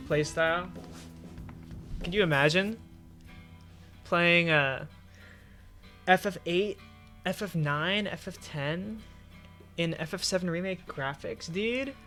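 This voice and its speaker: Speaking slowly with long pauses, a man uses a pushed, bright voice on the high side. This game streamer reacts to forum posts in relaxed, slangy livestream chat while background music plays.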